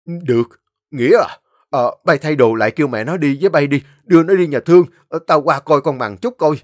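A man voicing a gruff, bossy older uncle with a Southern Vietnamese accent. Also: a little high, fairly quick, no room sound, clean studio sound, pitched above the performer's own voice, lightly acted. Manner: blunt, bossy.

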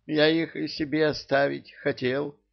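A man's voice: a little high, lively intonation, unhurried, dull audio, voice pushed up. A man voicing a fussy old genie king. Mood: plaintive. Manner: whiny, flustered, plaintive.

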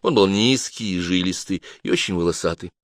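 Low-voiced man narrating an audiobook. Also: a little fast, no room sound, studio quality. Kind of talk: scripted first-person narration.

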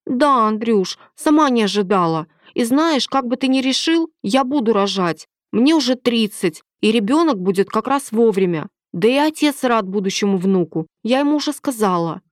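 A woman's voice: on the high side, animated, normal speed, few pauses, dry recording, clean studio sound, voice pushed up, lightly acted. A woman reading aloud, voicing a pushy, scheming young woman of thirty who talks in an insistent, demanding way. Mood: coaxing.

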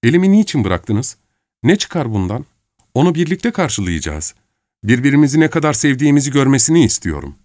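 A man's voice: medium pitch, very animated, a little fast, a little mellow, no echo, studio quality, pitched above the performer's own voice, natural voice. A man voicing a cheerful, impulsive young woman in an audiobook, speaking eagerly. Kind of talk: audiobook character reading.

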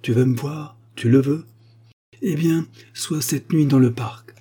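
A man voicing a capricious young wife who speaks hesitantly, in a hushed voice. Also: mid-range voice, a little slow, breathy edge, voice pushed up. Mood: hushed, daring.

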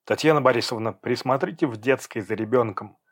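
A man's voice: medium pitch, brisk, lightly acted. A man voicing a curt, commanding man. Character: stern, domineering adult man. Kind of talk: audiobook character voice.

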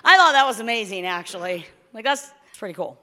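A woman in her forties, a pastor giving a conversational sermon in a church, turning excited when she announces news. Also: medium pitch, brisk, slight background noise. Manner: warm conversational preaching, rising to excited announcements. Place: church sanctuary. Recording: long hall reverb.

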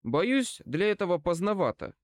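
An angry young wizard, as the audiobook reader acts him out, shouting hoarsely, high and loud. The voice pushes up well above the reader's own pitch, recorded close and dry. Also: male voice, big pitch swings, moderate pace, dry recording. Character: young male wizard, hot-tempered, shouting. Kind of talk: audiobook reading.

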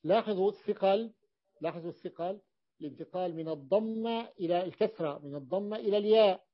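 A man teaching a grammar lesson in a classroom, repeating words slowly and checking that his students follow. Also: sits high. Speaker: teacher of Arabic morphology. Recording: dull lo-fi recording.

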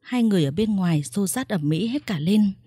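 A woman narrating a dramatic family story in a steady, scripted way. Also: medium pitch, a little fast, husky, no echo, clean studio sound.

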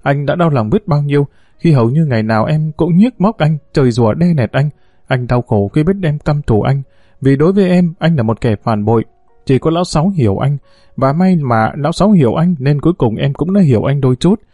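A man's voice: on the high side, animated, fairly quick, no room sound, phone-quality sound. A man voicing a timid, lovesick young gang member who pleads hesitantly in a storybook reading.

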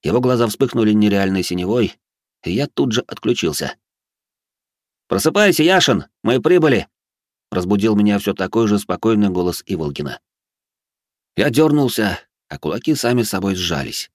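A man's voice: fairly low pitch, expressive, brisk, a little mellow, no echo. A man narrating a gritty first-person audiobook in an intense, dramatic way on a close studio mic.

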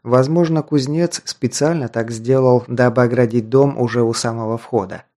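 A man narrating a first-person audiobook in a measured, even storytelling manner. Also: mid-range voice.

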